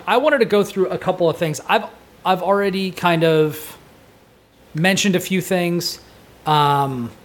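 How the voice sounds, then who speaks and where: Male podcast co-host, high voice with gravel in it, animated and casual. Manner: animated, swears when excited. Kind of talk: casual game discussion.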